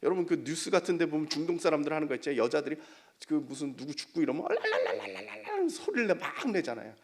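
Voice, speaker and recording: A man with a high voice preaches an evening sermon to a church congregation. He puts questions to the listeners and answers them himself. He moves from loud, rising declarations to quiet, breathy near-whispers. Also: animated, very fast. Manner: swings between loud emphatic declarations and hushed near-whispers. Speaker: guest preacher, professor.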